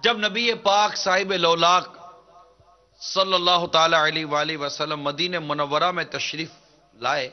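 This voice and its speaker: A man preaching a devotional sermon in an earnest, measured declaiming manner. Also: fairly high pitch, steady tone. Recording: dull lo-fi recording.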